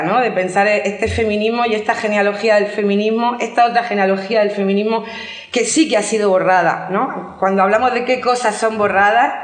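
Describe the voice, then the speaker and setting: A woman from Murcia giving a talk at a conference, speaking with many restarts and fillers. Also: medium pitch. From Murcia, Spain. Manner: hesitant restarts, filler-heavy, engaged. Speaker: invited speaker. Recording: echoey hall.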